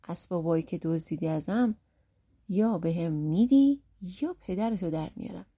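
A woman's voice: fairly low pitch, animated, mellow, slightly rough. Woman doing a defiant bald young man. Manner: blunt and defiant. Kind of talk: folk tale storytelling.

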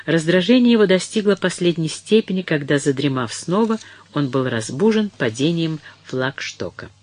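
A man narrating an audiobook in a measured, dramatic reading. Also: on the high side, animated, a little mellow. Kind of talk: scripted narration.

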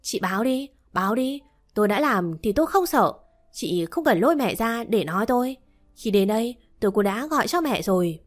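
Woman doing a shrill crazed young woman. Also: animated, moderate pace. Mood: shrill, defiant.

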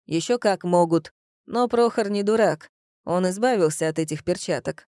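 A woman's voice: on the low side, moderate pace, mellow, dry recording, clean studio sound, close to an everyday voice. A woman reading the part of a blunt, sardonic male police colonel in an audiobook. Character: gruff sarcastic male police colonel, middle-aged. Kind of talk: audiobook character voice.

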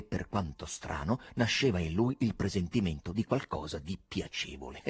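A man reading a novel aloud as an audiobook narrator, in an expressive, theatrical manner. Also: medium pitch, slightly rough, no echo. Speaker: audiobook reader. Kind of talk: scripted literary narration.

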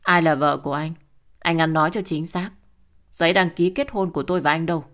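A woman voicing a calm, defiant young mother who answers firmly and coolly in an audio story. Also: deep voice, brisk. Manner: firm, cool and cutting.

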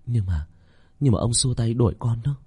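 A man's voice: fairly high pitch, fast, no echo, pitched above the performer's own voice, lightly acted. Man doing a stammering teenage boy. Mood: whimpering. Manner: stammering, tearful. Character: anxious fifteen-year-old boy, whimpering.

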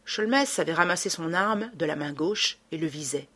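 A woman narrating an audiobook with a dramatic, expressive reading. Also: deep voice, normal speed.

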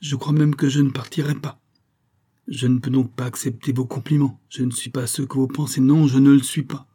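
Anguished young man in a classic novel reading, raised and jerky, as a male narrator puts him on, dark husky tone. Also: fairly low pitch. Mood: agitated. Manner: agitated, halting outbursts. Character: troubled young man, pale, tormented. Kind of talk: audiobook reading.

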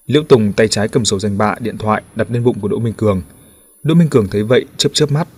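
Guy reading a crime novel audiobook, low husky voice, steady. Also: quick pace. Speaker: audiobook narrator. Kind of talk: scripted novel narration.

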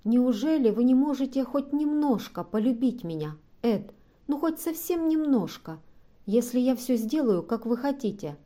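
A desperate young woman pleading in a tearful, imploring voice, as a female narrator reads her in an audiobook. The sound is mellow and warm, not bright. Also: on the high side, sing-song, moderate pace. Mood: begging. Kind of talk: audiobook reading.

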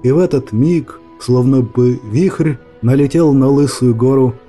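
A male narrator telling a fairy tale with dramatic, expressive delivery. His tone is very dark and mellow at a middle pitch. Soft music plays faintly underneath. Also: unhurried. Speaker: audiobook narrator.

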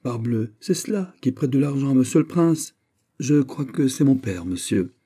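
A man reading an audiobook voices a lively young count of the royal court, bantering and exclamatory. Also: mid-range voice, moderate pace, breathy edge, pitched above the performer's own voice.

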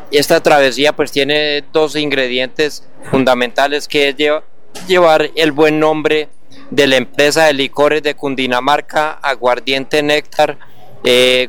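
Earnest man with a smooth, crisp voice. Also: medium pitch, fairly bright tone. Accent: Antioquian. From Colombia. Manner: earnest, halting, grateful. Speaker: guest, wheelchair traveler. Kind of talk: radio interview.

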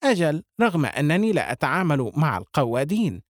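A man voicing a sharp-tongued teenage girl in an audiobook, with cheeky, biting lines. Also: on the high side, big pitch swings, fast, no echo, clean studio sound.

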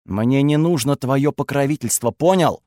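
A man voicing an angry, defensive young woman with strange powers, who accuses and shouts sharply. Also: mid-range voice, animated, moderate pace, no echo, studio quality, lightly acted. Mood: furious, accusing.

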